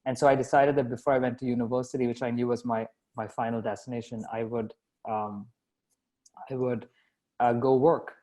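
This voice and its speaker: A man's voice: mid-range voice, little pitch movement, fairly quick, mellow. A man who grew up in Dubai, a company founder answering interview questions in a chatty, self-deprecating way with lots of fillers and restarts. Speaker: company founder and CEO, guest. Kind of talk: casual interview conversation.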